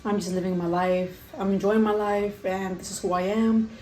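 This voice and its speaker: Sitting in a large home kitchen, a young adult vlogger eats and chats to camera for a mukbang Q&A, using "like" frequently as she rambles. Her mid-range, darkish voice keeps fairly even intonation at normal speed, and the echoey room has faint background noise.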